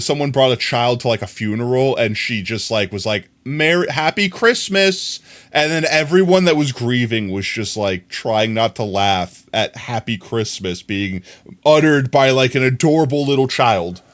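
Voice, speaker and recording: A man's voice: mid-range voice, normal speed. Man chatting casually on a live stream. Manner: chatty, amused, talks to chat. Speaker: streamer reacting to clips.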